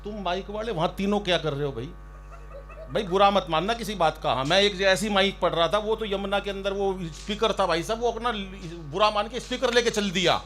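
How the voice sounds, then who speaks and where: A man's voice: high voice, fairly quick, fairly bright tone, a little hiss or hum. A man in his fifties on a poetry stage, a comic poet teasing the audience in a chatty way. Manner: teasing, chatty, acts out voices in jokes. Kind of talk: stand-up comic poetry banter. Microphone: stage mic.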